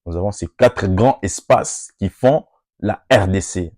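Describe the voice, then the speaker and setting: This NGO speaker is Congolese, from the Democratic Republic of the Congo, and grew up speaking Lingala or Swahili. He addresses workers in Congolese-accented French, with orator's emphasis and rising peaks. His voice is low and a little mellow, and he speaks unhurriedly in a dry, studio-quality recording.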